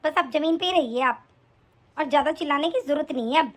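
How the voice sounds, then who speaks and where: A harsh, nagging daughter-in-law, as a woman plays her in an animated story. She scolds in a sharp, complaining tone. The voice is very high. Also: brisk, close to an everyday voice. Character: cruel, scolding young daughter-in-law, mother.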